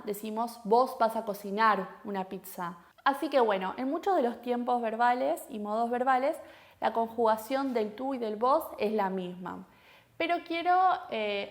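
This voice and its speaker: A woman with a Rioplatense Argentine accent giving a Spanish lesson to camera, explaining clearly and checking in with rhetorical questions. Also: fairly high pitch. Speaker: Spanish teacher.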